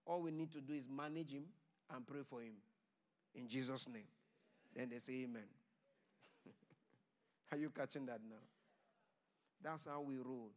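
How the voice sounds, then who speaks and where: A man's voice: medium pitch, measured pace, pauses often. A man preaching a sermon, pleading with his congregation and calling for their responses. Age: adult. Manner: loud declaring blessings.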